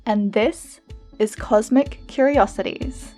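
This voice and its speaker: A woman podcast host with a fairly high voice. She opens with a prepared welcome, then chats in a friendly, upbeat way with her guest. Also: slow pace, mellow, soft background music. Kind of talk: podcast interview.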